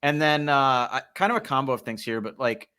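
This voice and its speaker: A man's voice: mid-range voice, expressive, brisk, sharp tone, clean tone. Chatty man rambling about a film. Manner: rambling, many likes and ums. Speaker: podcast co-host. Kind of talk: casual film discussion.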